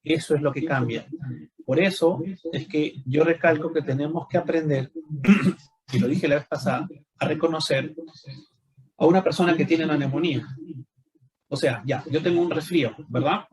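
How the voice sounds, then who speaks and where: A doctor gives an explanatory medical lecture in a fairly high-pitched male voice at normal speed, with long pauses and poor audio. His didactic style leans on frequent rhetorical questions, often tagged with "no?".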